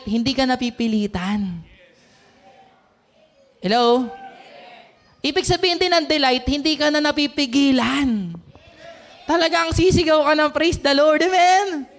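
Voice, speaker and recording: Very high-voiced preacher. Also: male voice. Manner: animated, calls out to the congregation, often shouts. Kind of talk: energetic sermon.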